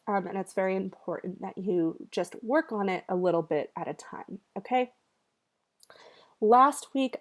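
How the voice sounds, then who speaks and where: A woman's voice: mid-range voice, darkish tone. A woman teaching a college writing class in a recorded video lecture, with a slightly nasal voice from allergies and a conversational way of talking, full of ums and check-ins with students.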